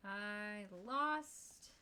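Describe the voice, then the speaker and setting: A woman's voice: medium pitch, extremely slow, bright, forceful tone, clean tone. A woman streaming a game, chatting and muttering to herself as she plays. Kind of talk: casual chat while gaming.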